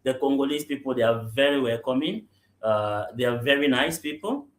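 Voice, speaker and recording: Speaking at a medium pitch, animated and brisk, this real estate general manager from Cameroon joins a live podcast by remote call. He answers the interviewer's questions, keeps asking "you understand?" and starts sentences over, and the audio has a roomy echo.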